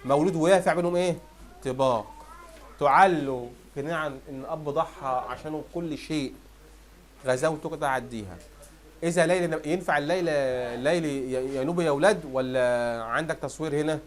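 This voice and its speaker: Rapid-fire Egyptian man reviewing a lesson. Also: fairly high pitch. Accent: Egyptian Arabic. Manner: quizzes students, answers own questions. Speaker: Arabic teacher. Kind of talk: fast exam review lesson.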